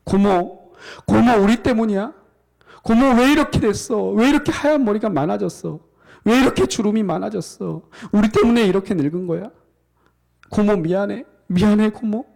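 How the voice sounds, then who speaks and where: A man's voice: moderate pace, vocal fry, darkish tone. A man acting out a teenage girl who pleads with her aunt through tears, in a raised, pleading voice. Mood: tearful pleading. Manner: high, pleading, tearful.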